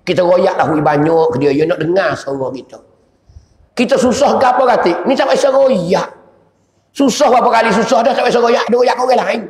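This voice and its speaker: A man with a Patani Malay accent, a religious teacher giving a sermon in a sing-song, prayer-like cadence full of repeated invocations and sudden shouts. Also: sits high, a little fast. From southern Thailand. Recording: echoey hall with long reverb.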